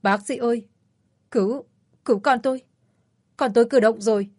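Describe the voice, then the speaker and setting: A woman's voice: mid-range voice, steady tone, measured pace, no room sound, clean studio sound, natural voice. A woman voicing a frail young mother who pleads in a trembling voice. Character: young mother, frail and frantic over her newborn.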